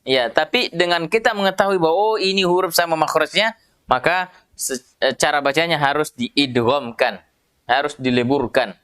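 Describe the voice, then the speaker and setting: A man teaching Quran pronunciation, explaining patiently in a conversational way and slowly drawing out single syllables to demonstrate them. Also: on the high side, fairly bright tone, clean tone. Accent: Indonesian. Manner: many fillers and restarts, conversational. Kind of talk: tajwid lesson.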